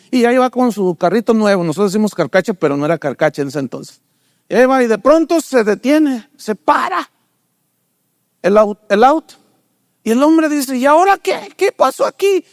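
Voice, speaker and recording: Older man, sermon, animated storytelling, very high pitch, dry sound. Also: no echo. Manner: animated storytelling, acts out characters in raised pitch; rhetorical questions to the congregation. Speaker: pastor.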